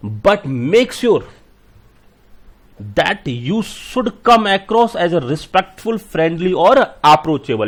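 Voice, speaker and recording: A man with a somewhat high-pitched voice teaches a class in a fatherly way. He explains each point through everyday examples and keeps asking his students whether they follow. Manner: talks to students fondly and checks they follow. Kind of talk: classroom lecture.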